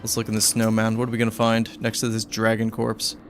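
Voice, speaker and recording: A man's voice: on the low side, completely flat delivery, fairly quick, faint music behind. A man streaming a game, chatting casually and joking with the characters on screen. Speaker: gaming streamer. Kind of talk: casual gameplay commentary.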